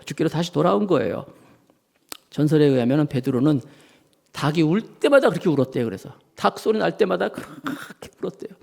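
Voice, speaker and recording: A man's voice: a little high, vocal fry. A male pastor preaching a sermon, telling the story vividly and speaking straight to his congregation. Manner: animated storytelling, acts out voices and sounds; addresses congregation directly.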